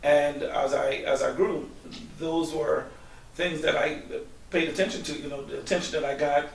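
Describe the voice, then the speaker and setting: A middle-aged man from Guyana answers an interviewer, pausing often and restarting his sentences. His voice sits somewhat high and has a gravelly edge. It was recorded from a distance in an echoey room with a faint hiss behind it. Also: steady tone. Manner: hesitant, many ums and restarts. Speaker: guest.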